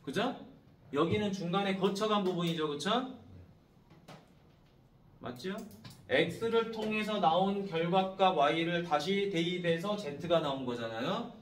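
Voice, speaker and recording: A man teaching high school math as a classroom lecture, constantly checking in with his students through short prompting questions. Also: takes it slowly, pauses often, reverberant, recorded from a distance, slight background noise.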